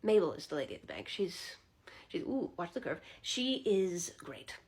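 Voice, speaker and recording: A giddy, eccentric man from next door, as a woman storyteller puts him on, talking in a breathy hush with halting starts. His pitch jumps around eagerly. The voice stays close to her own. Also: sing-song, heavily acted. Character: giddy, odd grown man neighbor, eager.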